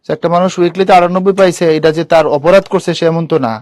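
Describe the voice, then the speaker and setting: A man's voice: high-pitched, fairly even intonation, rapid-fire, a little mellow, a little hiss or hum. Chatty young man tutoring an online class. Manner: casual, chatty, addresses students directly, asks them questions. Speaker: university admission tutor.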